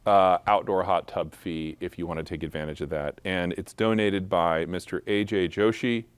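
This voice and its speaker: Low-voiced playful male charity auctioneer. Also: fairly even intonation, normal speed, clear, resonant tone, no room sound. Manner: playful, joking asides between bids. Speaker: auctioneer at a school benefit. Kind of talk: live charity auction calling.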